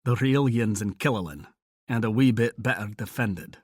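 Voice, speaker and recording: A man voicing a centuries-old Scottish vampire warrior, low and wry. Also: moderate pace, breathy edge, no echo, clean studio sound. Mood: playful.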